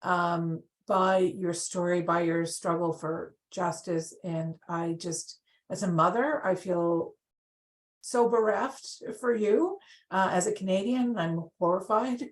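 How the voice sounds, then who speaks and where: A woman giving a heartfelt, steady message of support over a video call. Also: on the low side, slow, reverberant.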